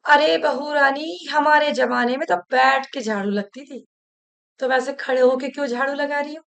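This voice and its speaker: A woman's voice: high-pitched, moderate pace, creaky, fairly bright tone. A woman voicing a stern traditional mother-in-law, an older woman who scolds and harks back to the old days. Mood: scolding.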